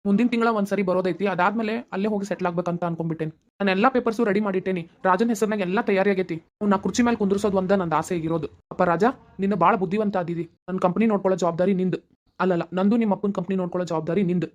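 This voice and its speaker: Fast-talking, earnest wealthy uncle, voiced by a woman, North Karnataka accent, cartoon, dull lo-fi sound. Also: mid-range voice, natural voice. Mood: reassuring. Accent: North Karnataka Kannada. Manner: earnest, reassuring, long explaining speeches. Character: wealthy kindly middle-aged man, family friend. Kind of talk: cartoon voice acting.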